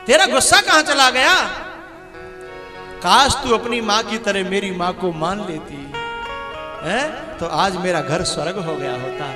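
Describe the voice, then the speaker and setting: A man voicing a devoted husband who speaks softly and earnestly to his wife, in a reverberant hall with music underneath. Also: high-pitched. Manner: soft, pleading, earnest. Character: gentle devoted husband, pleading then reproachful.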